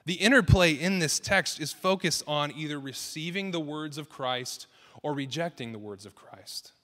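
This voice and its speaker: A man's voice: a little high, normal speed, pushed and bright. A man in his thirties, a pastor giving an earnest, conversational sermon that builds in emphasis. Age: 30s. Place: church sanctuary. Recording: long reverb of a church hall.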